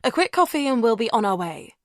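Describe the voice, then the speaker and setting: A woman narrator voicing a bubbly, decisive young woman in an audiobook, bright and emphatic. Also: a little high, very animated, fairly quick, no room sound, studio quality, pitched above the performer's own voice. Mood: apologetic.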